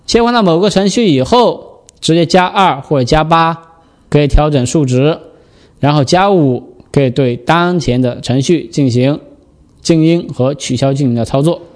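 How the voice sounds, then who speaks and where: A man giving a step-by-step software tutorial, explaining and patiently repeating the key steps. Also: a little high, normal speed.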